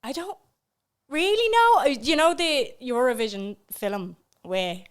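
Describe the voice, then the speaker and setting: On a studio mic, a young woman from Ireland co-hosts a podcast, keeping the talk chatty and jokey with frequent laughter. She speaks in a high, smooth, sing-song voice, a little slowly.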